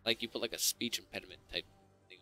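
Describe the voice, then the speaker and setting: A man's voice: lowish voice, fairly even intonation, fast talker, bright, forceful tone, soft background music. A young man giving casual, laid-back and teasing color commentary on a live esports stream. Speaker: esports co-caster.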